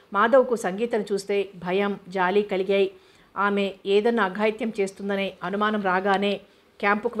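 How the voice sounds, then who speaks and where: A woman reads a novel aloud in an even, steady manner. Her pitch stays flat and level, sitting in the middle of a woman's range. The delivery is calm audiobook narration. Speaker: novel reader.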